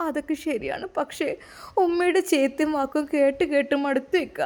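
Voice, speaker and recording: A woman's voice: high voice, steady tone, normal speed, a little mellow, close to an everyday voice. A woman voicing a meek, heartbroken young wife in an amateur story drama. She speaks in a Malappuram Malayalam accent in a plaintive, tearful manner.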